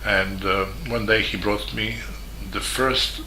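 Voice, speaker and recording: Serbian-accented male journalist, lowish pitch, very bright, halting delivery with many pauses; echoey room, faint ambience. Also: level tone, slight background noise. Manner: halting, with many fillers and restarts. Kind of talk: spoken statement.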